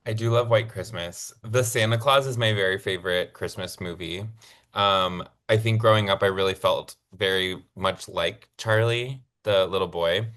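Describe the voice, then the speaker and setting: Man, podcast co-host, lowish voice, chatty and excitable with lots of ums. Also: normal speed. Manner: chatty, excitable, many fillers. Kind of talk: casual chat.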